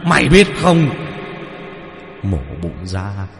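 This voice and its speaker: A man voicing the vengeful ghost of a young man who is turning into a demon, in a wailing, drawn-out, eerie voice. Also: lowish voice, big pitch swings, vocal fry, big-room sound, faint music behind, full character voice. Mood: menacing.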